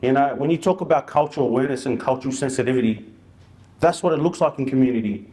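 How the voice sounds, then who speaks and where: Talking fast in a mellow, medium-pitched voice, this outreach worker presents informally, telling anecdotes from the job in slang-heavy, colloquial speech and acting out conversations.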